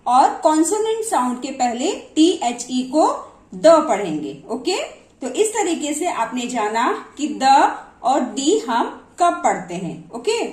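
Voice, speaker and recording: A woman's voice: high voice, a little mellow. A woman teaching English pronunciation, explaining in a mix of Hindi and English and asking and answering her own questions. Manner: mixes Hindi and English words. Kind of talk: slow explanatory lesson. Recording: echoey room.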